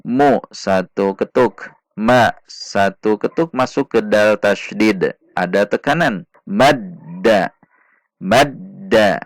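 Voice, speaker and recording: A man teaching Quran reading, patiently sounding out syllables one by one and chanting the verses slowly. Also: fairly low pitch, dry recording, clean studio sound. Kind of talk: slow step-by-step recitation lesson.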